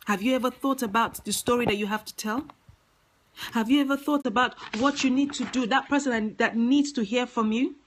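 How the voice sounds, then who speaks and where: A woman's voice: a little high, fairly quick, a little hiss or hum, low-quality recording. A woman giving an earnest motivational talk, speaking emphatically and repeating her key phrases.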